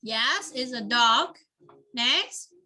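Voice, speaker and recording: Woman, english teacher, slow patient delivery, video call. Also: fairly high pitch, expressive, pushed and bright. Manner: patient, repeats words and praises answers. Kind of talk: online lesson for a child.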